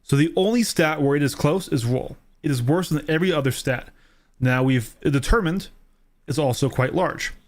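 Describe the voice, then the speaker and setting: A man's voice: a little high, moderate pace. A man streaming a game, explaining things step by step in a casual way and often checking in with "right?" and "okay?".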